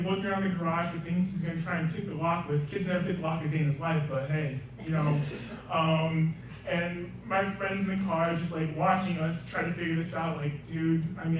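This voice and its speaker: A man's voice: fairly high pitch, recorded from a distance, slight background noise. Young man telling a story live, echoey room. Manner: casual, chatty, laughs often, acts out quotes. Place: small venue in front of a live audience. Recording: roomy live venue recording from afar.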